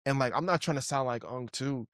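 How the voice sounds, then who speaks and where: A young man co-hosting a podcast, talking in loose slang and telling animated stories with frequent laughs. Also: medium pitch, fairly quick, dry recording, clean studio sound. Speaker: podcast co-host. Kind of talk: casual chat.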